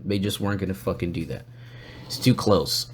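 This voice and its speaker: A man hosting a podcast, telling stories in a casual, profane, animated way. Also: deep voice, fairly quick, slightly rough. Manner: profane, animated, acts out quotes. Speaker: podcast host. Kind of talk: casual storytelling.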